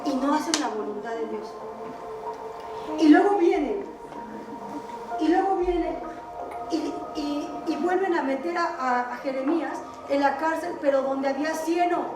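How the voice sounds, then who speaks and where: High-voiced woman preaching in an echoey hall. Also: unhurried, long pauses. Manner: quizzes the congregation with questions. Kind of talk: sermon retelling a Bible story. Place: church meeting hall. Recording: echoey hall, distant mic, music behind.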